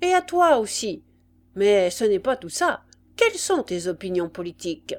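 A woman voicing a gruff male army sergeant who barks his questions loudly. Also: medium pitch, very animated, normal speed, natural voice. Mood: barking. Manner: loud, barking questions.

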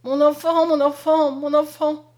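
A woman's voice: high-pitched, flat delivery, a little slow, a little mellow, pitched above the performer's own voice. A woman voicing a desperate young peasant mother, crying out in frantic pleas. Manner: frantic pleading cries.

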